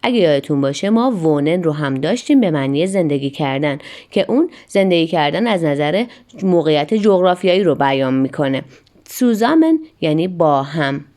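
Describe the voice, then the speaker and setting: A woman from Iran who hosts her own language lesson channel, slowly repeating each example sentence with care. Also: deep voice, very animated, dark tone. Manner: slow careful repetition of example sentences. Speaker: German language teacher.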